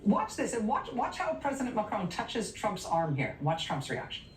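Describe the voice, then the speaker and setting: Woman news host, sardonic and emphatic, lively swooping pitch, heard from a little off-mic in a roomy space. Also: normal speed, recorded from a distance, slight background noise. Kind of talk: cable news monologue.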